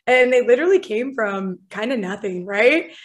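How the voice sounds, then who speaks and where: A chatty woman in her thirties, talking as a guest in a casual interview. Her voice sits a little high, and she keeps things light and bubbly, often laughing between thoughts. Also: expressive, normal speed. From Canada (Ontario).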